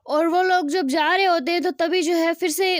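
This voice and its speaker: A young woman retells a fan-fiction story in a loose, chatty narration full of fillers. Her voice is very high. The recording is dry and close to the mic. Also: fairly even intonation, normal speed, dry recording.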